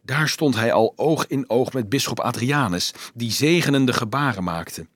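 A man reading a novel aloud as a dramatic, expressive audiobook narrator. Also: medium pitch, moderate pace, husky, dry recording, clean studio sound. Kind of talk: scripted narration.

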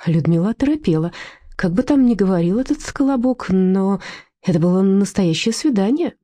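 A woman narrating a story with wry, vivid, expressive storytelling. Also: medium pitch, fairly quick, no room sound. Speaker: audiobook narrator.

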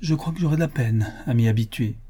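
A man's voice: medium pitch, quick pace, warm tone, slightly rough, natural voice. A man reading an audiobook, voicing a shy, loyal old valet who speaks timidly and respectfully.

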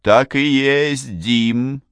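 A man voicing an upset middle-aged mother who talks in a high, strained, emphatic way. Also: extremely slow, smooth, dry recording, studio quality.

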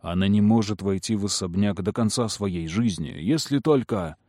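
Guy doing a low cool aristocrat dad, slow and firm, dry close sound. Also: mellow, no room sound, close to an everyday voice. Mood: cold firm. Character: cold powerful aristocratic father, calm and manipulative.

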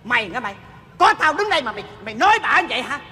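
A man's voice: very high-pitched, sing-song, racing, sharp tone, breathy edge, long reverb tail, heavily acted. A man playing a stern, bossy father who scolds his daughter in a stage comedy sketch. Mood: scolding.

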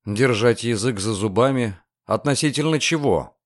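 A man voicing a calm, inquisitive young lawyer in an audiobook, measured and probing. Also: mid-range voice, no echo, clean studio sound, natural voice.

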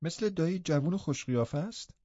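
Frail pale boy played by a man, plaintive, soft, higher voice, dark tone, muffled recording. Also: expressive, no echo. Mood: wistful, plaintive.

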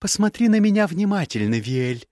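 A man's voice: a little high, expressive, moderate pace, darkish tone, no room sound, studio quality, voice pushed up, close to an everyday voice. A man voicing an icy, sarcastic young sorceress. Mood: mocking. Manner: cutting, mocking, icy sarcasm. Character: sharp-tongued sarcastic young woman mage. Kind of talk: audiobook character voice.

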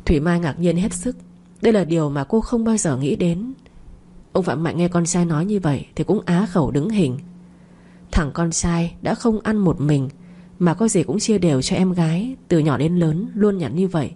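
A woman reads a dramatic family tale in a steady, expressive way. Her voice sits low, with a husky, mellow tone. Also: moderate pace. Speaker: storyteller. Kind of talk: dramatic story narration.

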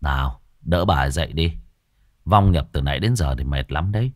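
A man voicing a calm, commanding young exorcist who speaks sternly and without hurry. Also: extremely low pitch, dry recording, studio quality, pitched below the performer's own voice. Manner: stern, threatening, unhurried.

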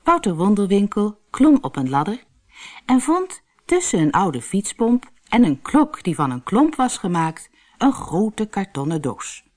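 A woman reading a children's storybook aloud with lively, expressive storytelling. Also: mid-range voice, a little slow. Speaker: narrator.

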